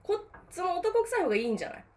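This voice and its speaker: A woman's voice: very high voice, big pitch swings, rapid-fire, a little hiss or hum. A young woman with a Hokkaido Japanese accent, a guest in a casual chat, blunt and teasing, laughing often.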